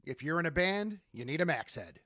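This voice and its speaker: A man's voice: on the high side, very animated, brisk, bright, forceful tone. A man reading commercial voice-over spots in short, punchy phrases. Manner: punchy ad read. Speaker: advertisement announcer.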